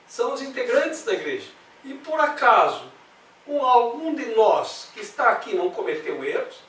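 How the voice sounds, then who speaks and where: A man's voice: sits high, fairly bright tone. A man with a Brazilian accent leading a spiritual study group, talking conversationally with rhetorical questions. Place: meeting room. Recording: roomy, distant mic, faint noise.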